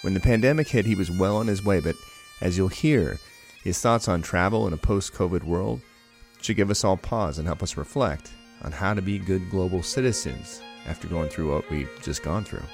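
Deep-voiced male podcast host. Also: normal speed, gravelly, soft background music. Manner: enthusiastic, rambling storyteller. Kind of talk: podcast interview. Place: home in Hawaii.

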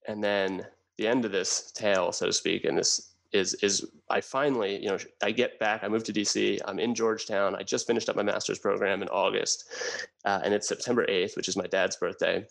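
A man in his thirties from New Jersey, telling his own hard life story as a guest in an earnest, halting way, often restarting his sentences. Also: fairly low pitch, steady tone, vocal fry, a bit bright, poor audio. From New Jersey, USA. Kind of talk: candid personal storytelling.

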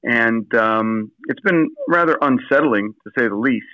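A man's voice: mid-range voice, unhurried, no room sound. A man on a phone call, answering as an interview guest, hesitant with many fillers and restarts. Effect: heard over the phone. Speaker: assistant pastor, phone-in guest. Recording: dull lo-fi phone line, dry.

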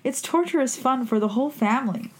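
A woman's voice: high-pitched, animated, a little fast, darkish tone. A woman playing a playful vampire hostess, presenting a campy horror show in a theatrical, scripted manner. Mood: playful, macabre.

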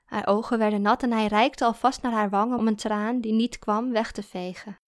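Woman, audiobook narrator, calm, steady, slightly high voice. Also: moderate pace. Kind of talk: audiobook reading of adult fiction.

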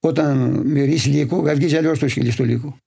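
A livestock farmer from Imathia, answering interview questions in detailed, steady storytelling. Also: male voice, fairly high pitch, creaky, husky. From Imathia, Greece.

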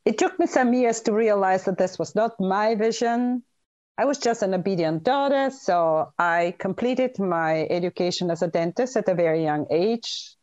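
A woman's voice: medium pitch, moderate pace, darkish tone, highs cut off. A middle-aged woman from Bulgaria, speaking earnestly and emphatically as an interview guest. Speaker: guest, dentist and author. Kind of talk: interview storytelling.

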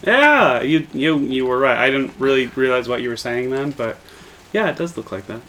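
A man's voice: mid-range voice, fairly quick, a bit bright, low-quality recording. Easygoing man chatting casually. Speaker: podcast co-host. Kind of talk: casual chat.

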